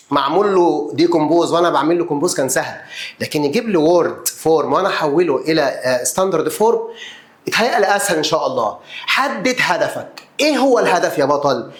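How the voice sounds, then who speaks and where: A man's voice: sits high, reverberant. A man with an Egyptian Arabic accent teaching a math lesson, counting places aloud and answering his own questions as if he were the pupil.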